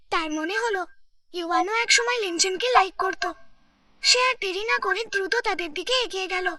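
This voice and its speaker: A woman narrating a scripted drama recap with a steady storytelling delivery. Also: very high-pitched.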